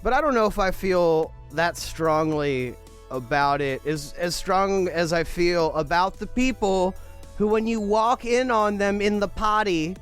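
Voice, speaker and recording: A man's voice: high voice, a little slow, a bit bright, faint music behind. A man co-hosting a comedy podcast, telling rambling stories with mock outrage. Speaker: podcast co-host. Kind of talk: casual comedic banter.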